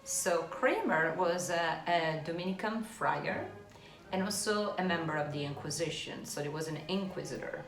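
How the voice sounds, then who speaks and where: A woman co-hosting a chat show as an art historian, explaining at length with hesitant pauses. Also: low-pitched, expressive. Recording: roomy room with faint music.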